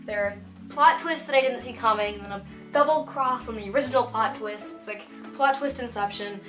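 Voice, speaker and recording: A young woman giving a casual spoken book review, gushing and animated, full of "like" fillers. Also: on the high side, a little fast, soft background music.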